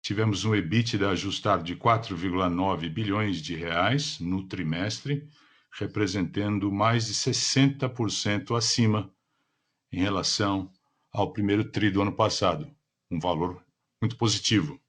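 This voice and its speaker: A man with a Brazilian accent and a somewhat deep, husky voice interprets live. His delivery is that of a formal business presentation. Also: normal speed, a bit bright. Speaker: simultaneous interpreter.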